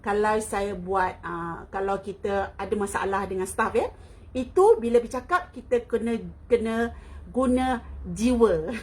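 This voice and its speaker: A woman's voice: on the high side, slight background noise. A middle-aged Malaysian woman hosting a live talk, chatting with viewers, laughing often and mixing English phrases into her speech. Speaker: online talk host. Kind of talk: live-stream chat answering viewers.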